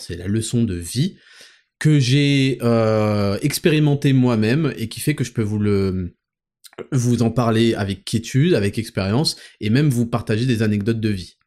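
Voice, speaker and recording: A man's voice: mid-range voice, mellow. A young man hosting a casual monologue vlog while walking, talking in a crude, rambling, ranting way. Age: young adult. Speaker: host.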